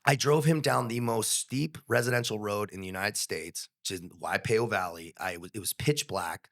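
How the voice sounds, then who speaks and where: A man's voice: fairly low pitch, moderate pace, fairly bright tone. A young adult man talking as a podcast guest in a casual, earnest and reflective way, swearing freely. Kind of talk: casual conversation.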